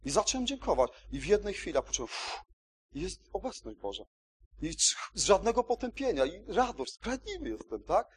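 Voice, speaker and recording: Male preacher, raised pitch, husky tone, emphatic and repetitive delivery. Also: big pitch swings, brisk. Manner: emphatic, repeats key words, checks in with listeners. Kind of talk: sermon.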